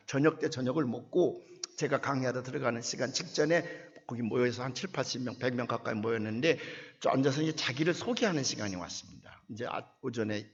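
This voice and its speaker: A man's voice: mid-range voice, breathy edge, dull audio. A man in his seventies preaching a sermon, telling a personal story and acting out the dialogue with rising indignation. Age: 70s. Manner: animated, acts out dialogue, voice swells with indignation. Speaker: pastor.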